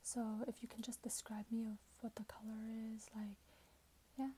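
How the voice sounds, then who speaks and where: Playing a robot companion clerk, a woman ASMR creator speaks softly and whisperily in a mellow roleplay, her voice a little high and level at a moderate pace. The setting is a small plain room, and hissy noise accompanies keyboard typing and clicks.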